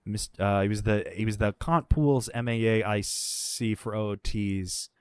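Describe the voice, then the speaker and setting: Here a man with a fairly low, clear, resonant voice speaks a bit slowly, with no room sound on the recording. He's a guest in a laid-back conversation, recounting candid stories in a blunt, lively, heavily profane way.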